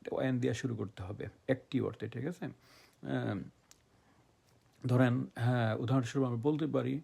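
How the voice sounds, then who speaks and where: A man's voice: medium pitch, fairly even intonation, normal speed, creaky, mellow, husky. A man teaching English grammar, explaining step by step, spelling words out letter by letter and often checking that his listeners follow. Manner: repetitive, checks understanding often with rhetorical questions. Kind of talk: explanatory lesson in Bengali.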